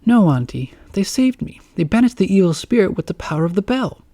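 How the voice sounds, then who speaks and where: A man doing a soft sweet young girl. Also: high-pitched, big pitch swings, fairly quick, dry recording, studio quality, voice pushed up. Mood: gentle.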